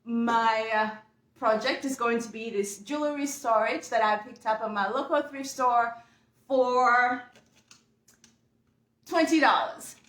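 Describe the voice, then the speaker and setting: A young Ugandan woman who vlogs about painting furniture chats casually and upbeat to viewers while working on a project at home. Her voice is a little high and fairly bright, sounding reverberant through the camera mic.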